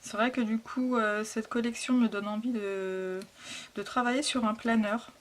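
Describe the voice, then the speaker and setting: A woman hosting a casual scrapbooking haul, talking softly and hesitantly with frequent fillers. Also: fairly high pitch, steady tone, normal speed, a little hiss or hum. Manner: soft, hesitant, lots of fillers. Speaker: scrapbooking vlogger. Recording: packaging crinkles and clicks behind.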